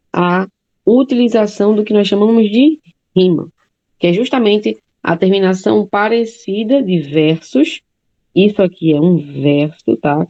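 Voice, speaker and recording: A woman's voice: medium pitch, mellow, dull audio. A woman teacher giving a classroom lecture, explaining step by step and often checking in with her students.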